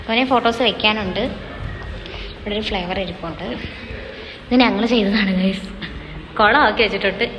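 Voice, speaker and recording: A woman's voice: medium pitch, fairly even intonation, normal speed, long pauses, a bit bright, soft background music, poor audio. A young woman, chatting casually as she gives a home tour and keeps calling out to her viewers. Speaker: vlogger giving a home tour.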